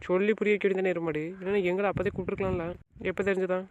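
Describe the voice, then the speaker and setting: An actor playing a concerned male friend who tries to calm a quarrelling couple, heard with dull lo-fi sound. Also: high voice, racing, slight background noise, natural voice. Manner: urgent, placating. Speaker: actor in a web drama.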